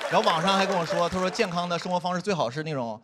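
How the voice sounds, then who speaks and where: A man performing a stand-up comedy set, telling self-mocking stories in an animated way. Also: high-pitched, very fast, background noise. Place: comedy stage before a live audience.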